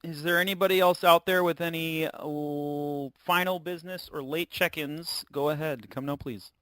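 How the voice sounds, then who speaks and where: A man hosting an amateur radio check-in net as net control, speaking in an informal, halting way. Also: on the high side, fairly even intonation, noisy background.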